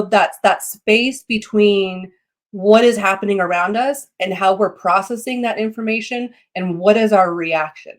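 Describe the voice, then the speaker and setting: A woman giving an informal, explanatory lesson as a teacher, phrasing things haltingly and checking in with short tags. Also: mid-range voice. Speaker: teacher of meditation and psychic development.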